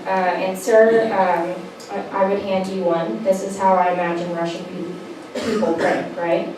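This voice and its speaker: Deadpan woman comic in echoey club. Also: fairly low pitch, moderate pace. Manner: deadpan, chats with the crowd. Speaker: stand-up comic. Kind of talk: stand-up set. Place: small club stage. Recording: echoey room from far off with noise. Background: audience laughter.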